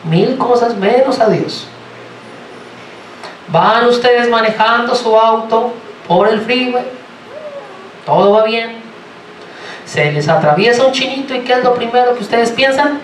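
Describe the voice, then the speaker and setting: Colombian guy preaching, jokey and lively, recorded from a ways back, faint room hum. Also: very high voice, measured pace, pauses often. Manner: lively, joking, asks the congregation many rhetorical questions. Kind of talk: sermon. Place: church sanctuary. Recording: roomy, from far off, faint ambience.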